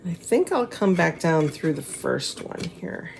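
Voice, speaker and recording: A lowish-voiced woman gives a casual craft tutorial with a very creaky tone. Her S sounds are slushy and slurred. She chats to viewers and mutters to herself as she works, with some noise behind her. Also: big pitch swings, unhurried. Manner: chatty, mutters to herself and to the materials while working.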